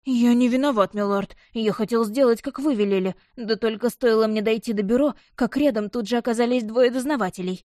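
A cringing, frightened male footman who pleads and stammers, as a woman narrator puts him on. His voice rises higher and louder than the narration, anxious and begging, in a close, dry storybook reading with a dark tone. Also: fairly quick, few pauses, dry recording, lightly acted. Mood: fearful pleading.

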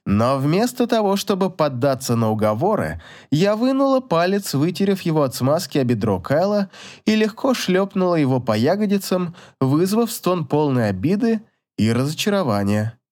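A male audiobook narrator telling a first-person story in a measured, expressive way. His voice sits a little high for a man. It rises and falls through a wide, lively range.

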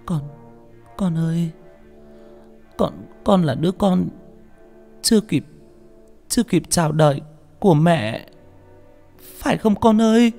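A man's voice: a little high, slow pace, creaky, long pauses, warm tone, soft background music, voice pushed up. A man voicing a grieving young mother who cries out to her lost child. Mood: sobbing. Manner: sobbing, pleading.

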